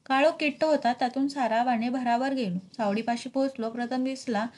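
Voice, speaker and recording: A woman teacher reading a novel aloud with expressive emphasis for her students. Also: high voice, fairly quick. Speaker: literature teacher.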